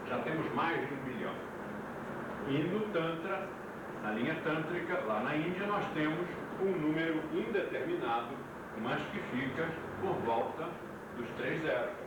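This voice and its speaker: A man's voice: fairly high pitch, animated, moderate pace. A man giving a classroom lecture, quizzing his students, heard from an old VHS tape recording. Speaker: yoga teacher. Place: lecture room. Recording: hissy old VHS tape, far mic, echoey room.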